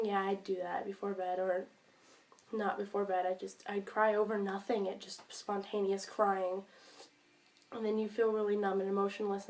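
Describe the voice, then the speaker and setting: A teenage girl talking to camera in a personal vlog, hesitant with many pauses and restarts, sick and speaking around a cough drop. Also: mid-range voice. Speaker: vlogger.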